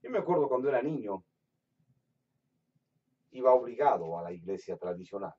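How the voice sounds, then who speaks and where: A preacher from Latin America giving a sermon with personal testimony, swinging between loud, emphatic bursts and hushed storytelling. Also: male voice, mid-range voice, sing-song, normal speed, husky. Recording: distant, dull lo-fi sound.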